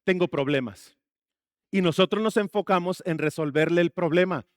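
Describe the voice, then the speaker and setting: A man's voice: high-pitched, a little fast, no room sound, clean studio sound. A man preaching a sermon as pastor, asking the congregation questions and slipping in jokes. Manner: asks the congregation questions and jokes between points.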